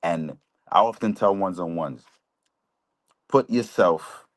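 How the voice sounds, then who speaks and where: Man in his forties, very low voice, earnest, lecturing, live talk show. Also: unhurried. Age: 40s. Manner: earnest, lecturing, asks listeners "right?" often. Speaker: guest speaker, chaplain.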